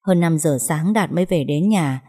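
A woman's voice: low-pitched, normal speed, husky. A woman narrating a first-person love story in a chatty way, talking to her listeners. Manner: warm, chatty, addresses listeners.

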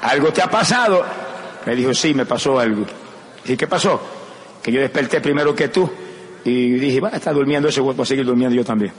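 In an echoey hall with a crowd audible, an older male preacher from Puerto Rico speaks briskly at a medium pitch. His Puerto Rican Spanish accent carries a fervent evangelistic sermon and personal testimony, alternating quiet narration with shouted exclamations.

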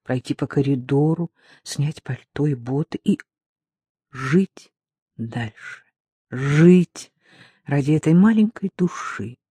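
A narrator reading a literary novel aloud in a measured, even manner. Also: medium pitch, breathy edge, dry recording. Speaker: audiobook narrator.

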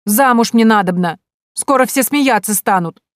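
A woman's voice: medium pitch, moderate pace, darkish tone, no room sound, studio quality, natural voice. A woman reading aloud, voicing a big, stubborn young peasant woman who wails and snaps in old-fashioned folksy speech. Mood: wailing.

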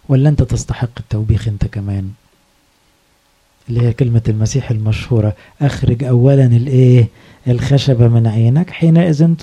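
Man, priest, Egyptian accent, sermon, rhetorical questions, very dark voice, rapid delivery. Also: on the high side, slightly rough. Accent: Egyptian Arabic. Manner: conversational storytelling, rhetorical questions.

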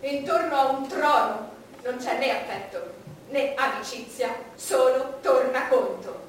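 An actress playing a proud, bitter, lonely queen starved of love, in a declamatory theatrical monologue with deliberate phrasing and dramatic pauses. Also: sits high. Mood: scheming, contemptuous. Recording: very echoey, distant stage recording with noise.

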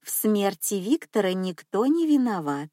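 A woman reading an audiobook as a narrator, in a slow and even delivery. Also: mid-range voice, no room sound, clean studio sound. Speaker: audiobook reader. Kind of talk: scripted narration.

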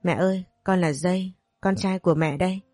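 A woman reading the part of a sweet little boy, speaking softly and tenderly. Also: fairly low pitch, fairly even intonation, a little fast, dry recording, studio quality, faint music behind, natural voice. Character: sweet gentle little boy, a ghostly son.

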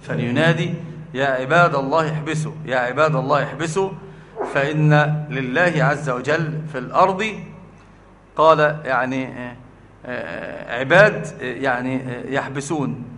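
Bright, fast Egyptian man lecturing. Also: fairly high pitch, in a large hall. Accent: Egyptian Arabic. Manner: rhetorical questions, repeating key phrases. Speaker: religious lecturer. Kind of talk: explaining a book of Islamic creed.

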